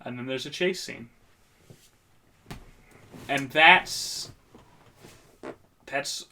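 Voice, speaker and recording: A man on a casual comedy podcast, recapping a movie in a loose, rambling and profane way. His voice has a sharp, bright edge over a faint hiss in the background. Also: mid-range voice, very slow. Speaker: podcast co-host.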